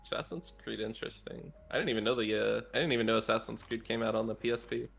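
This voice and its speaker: A man chats casually on a podcast in a creaky voice with a bright, forward edge. He giggles often and rambles, restarting his sentences as he goes. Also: lowish voice, fast. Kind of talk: casual chat.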